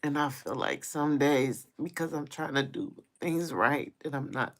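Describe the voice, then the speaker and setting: A woman's voice: deep voice, measured pace. A woman hosting a casual live stream, venting her frustration, repeating her greetings and complaints and swearing freely.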